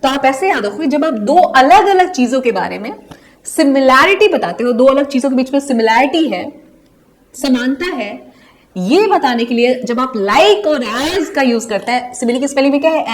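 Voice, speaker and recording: A young woman with an Indian accent, teaching a poem lesson and asking and answering her own questions step by step. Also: high-pitched. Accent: Indian English. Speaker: English teacher.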